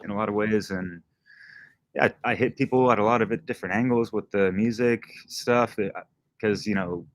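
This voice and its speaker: A man's voice: on the low side, brisk, a little hiss or hum. A man who is a guest DJ and podcaster, talking in a laid-back, slangy way and swearing freely. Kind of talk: casual livestream chat.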